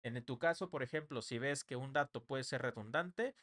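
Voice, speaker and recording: A young man teaches a live online class, checking in with his listeners through short tag questions as he explains. His voice sits at a medium pitch and his delivery stays conversational. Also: normal speed, fairly bright tone. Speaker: online workshop instructor. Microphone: computer mic on a live stream.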